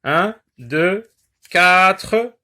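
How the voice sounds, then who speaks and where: A male teacher giving a lesson on syllables, repeating words slowly and pausing often with hesitations. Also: sits high, expressive, bright, forceful tone. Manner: slow, drawn-out word repetitions with many "euh" pauses. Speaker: primary school teacher.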